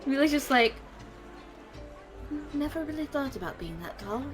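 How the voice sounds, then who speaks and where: A woman's voice: high voice, lively intonation, normal speed. A woman chatting casually as a player in a tabletop role-playing game. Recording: faint music behind the voice. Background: faint music.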